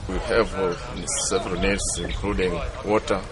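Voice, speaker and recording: A man from Tanzania speaking haltingly in an interview, repeating words. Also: low voice, flat delivery, over a noisy crowd. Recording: noisy outdoor recording.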